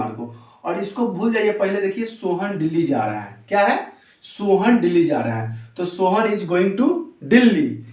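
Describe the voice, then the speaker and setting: A man teaching English grammar in a lesson, explaining each step slowly and repeating words. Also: sits high, far from the mic. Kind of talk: Hindi-language grammar lesson. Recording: roomy echo, voice off-mic.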